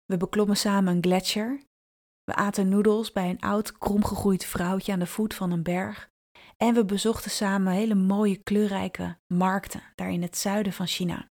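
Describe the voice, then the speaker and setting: A woman podcast host telling a personal story in an intimate, vivid way, slowing and drawing out her phrases and dropping into soft asides. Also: mid-range voice, level tone. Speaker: podcast host and brand strategist.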